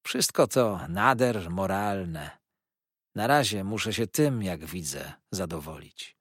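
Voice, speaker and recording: Guy reading as a shabby sneering con man, insolent, raspy, up and down a lot. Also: low voice, expressive, takes it slowly, no room sound, clean studio sound, exaggerated voice. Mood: mocking. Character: shabby, sly, mocking middle-aged man, the aunt's husband. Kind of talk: audiobook character reading.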